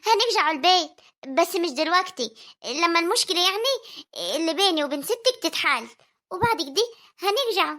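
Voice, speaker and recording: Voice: very high voice, expressive, brisk, sharp tone, exaggerated voice. Voice actor playing a fussing Egyptian village mother. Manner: scolding yet tender, coaxing. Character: worried village mother of young daughters. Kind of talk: homemade family drama voice acting.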